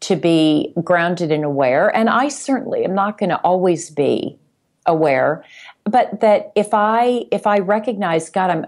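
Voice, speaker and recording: A woman who works as a sales executive appears as a podcast guest, chatting casually and explaining things reflectively, one step at a time. Her voice is low-pitched and a little mellow.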